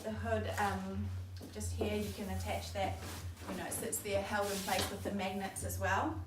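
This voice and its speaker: A woman's voice: medium pitch, flat delivery, moderate pace. A young woman with a New Zealand accent, casually demonstrating a product and chatting with frequent ums. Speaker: store presenter demonstrating a stroller. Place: baby store. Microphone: camera mic at a distance. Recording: roomy, distant, loud background noise.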